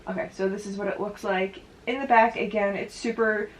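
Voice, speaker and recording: A woman with a mid-pitched voice chats through a how-to, loose and friendly, leaning on "like" as she goes. She talks to a camera set up in front of her indoors, with a faint hiss underneath. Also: fairly even intonation, fairly quick. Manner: chatty, with frequent "like" fillers. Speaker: hair tutorial vlogger. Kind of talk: casual step-by-step demonstration.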